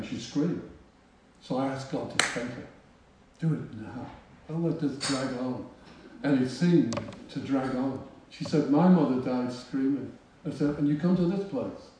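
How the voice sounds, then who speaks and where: A man's voice: medium pitch, dark tone, recorded from a distance, slight background noise. A man preaching, telling a personal story in a conversational, self-mocking way. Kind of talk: storytelling sermon. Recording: roomy hall, voice from off-mic.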